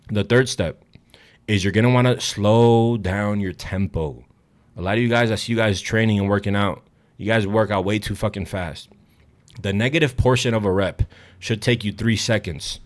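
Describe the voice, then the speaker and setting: A young man with a slightly low voice coaching gym technique straight to camera. He talks in a blunt, hyped, swear-heavy way and sounds a little out of breath. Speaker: fitness coach. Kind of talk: direct-to-camera fitness vlog.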